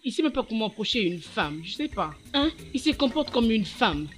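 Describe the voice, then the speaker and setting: A woman's voice: on the high side, very animated, brisk, a crowd in the background. An actress playing a secretive young woman who hides that she is in love, speaking guardedly and evasively. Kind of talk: dubbed film acting.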